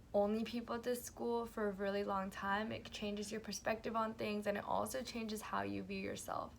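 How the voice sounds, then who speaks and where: Young adult woman, student vlogger, hesitant and soft, gravelly vocal fry. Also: mid-range voice, slight background noise. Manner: hesitant and soft-spoken, with frequent fillers. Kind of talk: reflective casual vlog.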